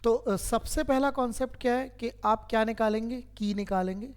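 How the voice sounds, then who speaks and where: A man's voice: very high voice, normal speed, smooth. A man teaching a math lesson to a class, who keeps quizzing his students and patiently repeats each step.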